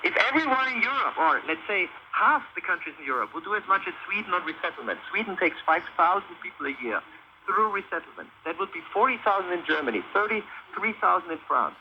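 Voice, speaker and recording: A man's voice: high voice, big pitch swings, quick pace. A man speaking earnestly and emphatically as an expert guest in a radio panel discussion. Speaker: interviewee, migration policy expert. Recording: noisy muffled shortwave radio reception.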